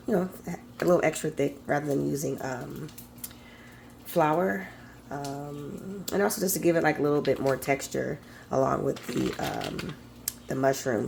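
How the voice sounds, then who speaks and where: Low, gravelly, hoarse woman. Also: background noise. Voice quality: naturally raspy voice. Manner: soft, halting, lots of ums. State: hoarse, coming down with a cold. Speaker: cooking vlogger. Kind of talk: casual cooking vlog. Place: home kitchen.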